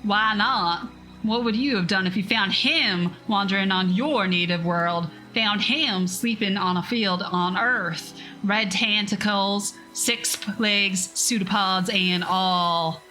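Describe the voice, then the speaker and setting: A woman's voice: medium pitch, slow, bright, forceful tone, soft background music, poor audio. A woman reading the lines of a weary, curt male space explorer in a sci-fi story. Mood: dry, curt.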